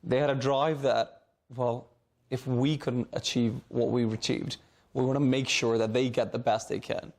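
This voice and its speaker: This former student, now a middle-aged Hong Kong man invited back as a guest speaker, addresses pupils informally from a seat in the school library. His mid-range voice is creaky and slightly mellow, barely moving in pitch, at a normal speed, and he keeps repeating words as he gropes for what to say.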